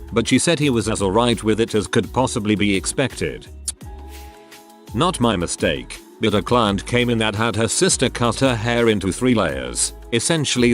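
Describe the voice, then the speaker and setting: Low, lively man reading stories aloud. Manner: steady read-aloud storytelling. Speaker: narrator.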